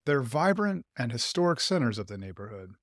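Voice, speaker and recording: A man narrating an English lesson in a clear, measured, explanatory way. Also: mid-range voice, sing-song, a bit bright, no room sound, clean studio sound. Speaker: podcast host teaching English.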